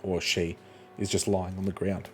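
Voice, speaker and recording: A man's voice: low-pitched, flat delivery, normal speed, a little hiss or hum. A man narrating a tabletop game as game master, describing scenes with hesitant fillers.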